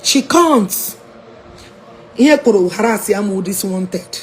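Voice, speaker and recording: A Nigerian woman with an Igbo-tinged accent chatting on a casual livestream from a hotel room, animated and laughing, mixing English and Igbo. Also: medium pitch, normal speed, slight background noise. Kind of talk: casual live-stream chat.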